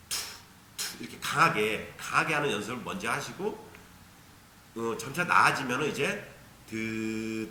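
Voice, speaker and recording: In an instructional video, a man gives a beginner ocarina lesson, patiently explaining the tonguing syllables and demonstrating them aloud. His voice is on the low side with a sharp tone, and the recording is reverberant with a slight hiss or hum.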